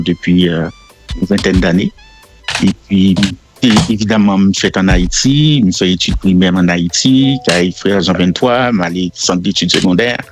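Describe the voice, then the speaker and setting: A middle-aged Haitian man speaking French with a Haitian accent, explaining himself as a radio guest in a measured way full of fillers. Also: deep voice. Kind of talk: casual radio interview. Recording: faint music in the background.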